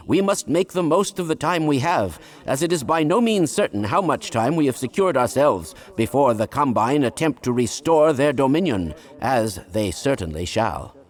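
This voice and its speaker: Isaac Kleiner, fussy scientist, animated pitch. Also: male voice. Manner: pedantic, wordy, formal, precise scientific phrasing. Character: eccentric, fussy older male scientist, absent-minded and kindly. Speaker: video game character voice actor. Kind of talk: scripted video game dialogue.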